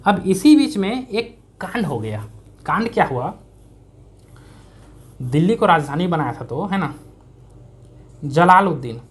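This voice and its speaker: A man's voice: high voice, very animated, unhurried, pauses often. Man teaching history in chatty Hindi. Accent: Chhattisgarhi-tinged Hindi. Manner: conversational, asks and answers own questions; repeats key words for emphasis. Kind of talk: exam-prep history lesson.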